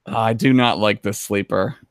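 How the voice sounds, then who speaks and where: A man's voice: on the low side, fairly even intonation, moderate pace, no room sound, studio quality. A man co-hosting a casual sports podcast, joking, laughing often and swearing. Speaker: podcast co-host.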